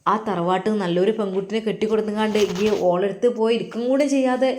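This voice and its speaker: A woman's voice: medium pitch, fast talker, a little mellow, slight background noise, lightly acted. A woman voicing an evasive middle-aged mother who coaxes and scolds her son, with a Malappuram Malayalam accent, in a roomy echo. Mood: coaxing, scolding. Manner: coaxing, scolding.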